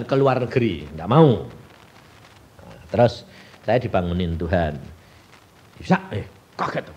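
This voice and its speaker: A man's voice: mid-range voice, darkish tone, highs cut off. A male evangelist with a Javanese Indonesian accent, preaching a folksy sermon and answering his own questions. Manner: folksy, asks the congregation questions and answers them himself.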